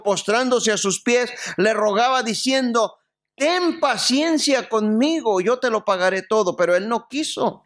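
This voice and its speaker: Man, pastor, sermon, unhurried, lively storytelling and scripture reading. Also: sits high. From Mexico.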